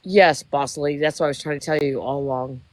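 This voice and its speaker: A woman's voice: sits low, fast talker, slight background noise. A woman in her sixties, a livestream guest, telling a story in casual chat, emotional and rambling, often repeating herself. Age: 60s.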